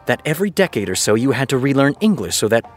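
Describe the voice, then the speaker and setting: Very animated and talking fast in a mid-range voice, a man performs the role of an exasperated TV creator in a fiction podcast. He reads fan fiction aloud and slips in muttered, sarcastic asides between passages, with faint music in the background.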